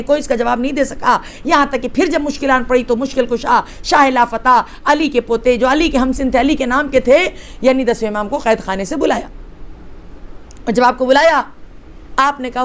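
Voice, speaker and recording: High-voiced woman giving an impassioned sermon. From Hyderabad, India. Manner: impassioned, swings between hushed and rising exclamations; addresses listeners directly with rhetorical questions. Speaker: religious scholar. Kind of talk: religious majlis sermon, storytelling.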